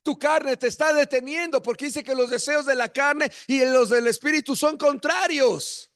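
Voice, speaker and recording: A man preaching a sermon with passion, moving from hushed asides to shouted praise. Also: very high voice, normal speed, dry recording, studio quality. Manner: impassioned, swinging from hushed to shouted.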